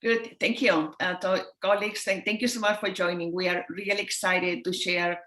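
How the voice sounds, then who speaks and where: A woman in her fifties from Chile with a Chilean Spanish accent, a technology executive speaking in a measured way with many fillers on a video call. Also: on the low side, steady tone, a bit bright. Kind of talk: panel talk on a video call. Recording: roomy echoey sound.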